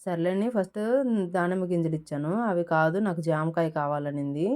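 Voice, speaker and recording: A woman's voice: deep voice, fairly even intonation, a little fast, a little mellow. A young woman, chatting casually through her day at home in a vlog. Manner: chatty, talks to her toddler in a raised coaxing voice. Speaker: vlogger, mother.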